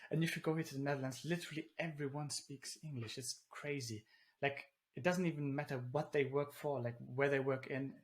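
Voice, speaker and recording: A man chatting casually as an interview guest on a video call speaks a little fast with hardly any pauses, his mid-range voice fairly even in intonation. He was born in Germany, speaks German natively, lives in the Netherlands, and rambles with frequent fillers and restarts.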